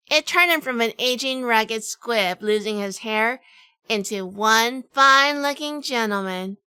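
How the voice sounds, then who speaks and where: In a noir audio drama, a woman voices a world-weary detective, her narration and dialogue dry, sardonic, wry and fond. Her voice is a little high and sharp, recorded cleanly with no room sound.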